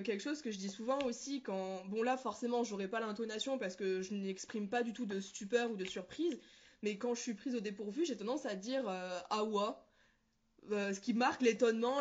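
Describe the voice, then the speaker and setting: In a lo-fi recording, this woman from New Caledonia talks casually about her personal experience in an interview, hunting for words and correcting herself. Her voice runs high with a darkish tone.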